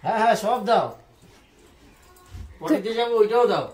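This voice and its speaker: A man's voice: very high-pitched, animated, normal speed, darkish tone, faint music behind. A man at home doing chores, grumbling and mumbling in casual talk. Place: home indoors. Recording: echoey room with background noise.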